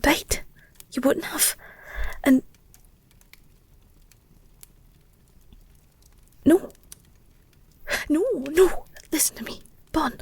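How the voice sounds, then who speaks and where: A woman performs an audio roleplay as a protective, devoted werewolf girlfriend making earnest vows. Her medium-pitched voice comes in a breathy whisper, tender and halting.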